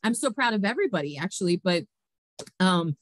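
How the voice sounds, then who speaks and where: A woman's voice: on the low side, sing-song, a little fast, dry recording. Woman host going over quiz scores, lots of ums, dry sound, no room. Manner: chatty, many fillers, laughs often. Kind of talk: casual presentation of competition results.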